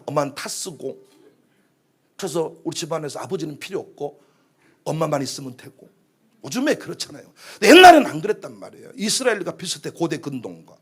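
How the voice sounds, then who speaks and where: A male pastor giving a sermon in church, animated and full of humor. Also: fairly high pitch, slightly rough.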